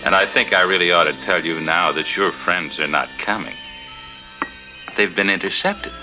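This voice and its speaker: Sharp, knowing, low-voiced man. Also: normal speed, soft background music, exaggerated voice, rough recording. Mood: dry, knowing. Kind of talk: vintage television drama.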